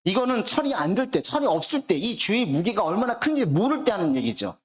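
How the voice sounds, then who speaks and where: A man's voice: high-pitched, very animated, brisk. A man preaching a sermon as pastor, telling anecdotes and acting out the dialogue of the people in them. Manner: storytelling, acts out quoted dialogue.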